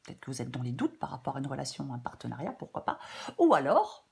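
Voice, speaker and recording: A woman's voice: rumbling low, wildly swooping pitch, gravelly, a little mellow. Congested woman reading tarot casually. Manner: halting, self-interrupting, chatty asides. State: congested blocked nose from a cold. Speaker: tarot reader. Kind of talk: casual off-the-cuff tarot guidance.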